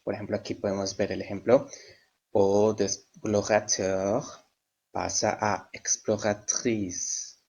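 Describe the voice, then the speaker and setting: A man teaches French. His voice sits a little low, and he talks at a very unhurried pace. He spells word endings out letter by letter and repeats each word with care. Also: flat delivery, vocal fry, darkish tone. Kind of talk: slow step-by-step language lesson.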